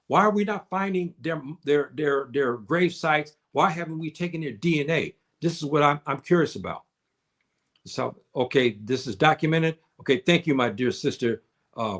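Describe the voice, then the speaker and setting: A man hosting a casual livestream, answering his chat in a halting way with many repeated words and fillers. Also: mid-range voice. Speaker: livestream host reading chat. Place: indoors, living on the African continent.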